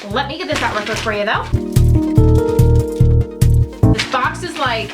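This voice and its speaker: A young woman vlogger chatting casually and excitedly through an unboxing, rambling as she goes. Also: high-pitched, fast, over loud music, low-quality recording. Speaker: fashion vlogger.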